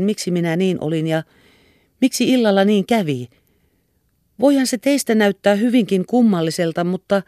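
A woman's voice: mid-range voice, dark tone, dry recording, studio quality, pitched above the performer's own voice, lightly acted. A woman reader voicing an anxious young woman who pleads tenderly and earnestly. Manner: earnest and imploring.

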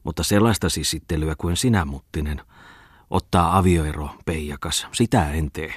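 A man voicing a self-satisfied respectable gentleman who answers defensively. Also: very deep voice, breathy edge, no room sound, studio quality.

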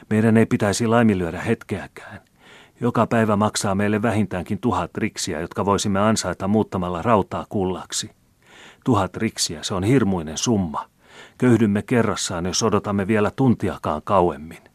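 A man's voice: lowish voice, no echo, voice pushed up, natural voice. A man reading aloud and voicing a greedy old male miser who pleads and whines in self-pity. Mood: wheedling. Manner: wheedling, self-pitying pleading.

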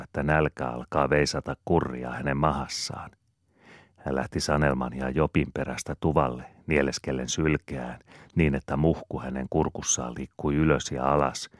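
A man narrates a novel in an extremely deep, low voice. His delivery is even and measured, steady storytelling. The sound is close and completely dry. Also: no echo. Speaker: audiobook reader. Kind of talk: scripted narration.

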